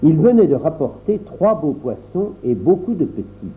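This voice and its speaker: A man narrating a children's novel aloud in a measured storytelling manner. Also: a little high, big pitch swings. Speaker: audiobook narrator. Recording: tinny phone-like sound.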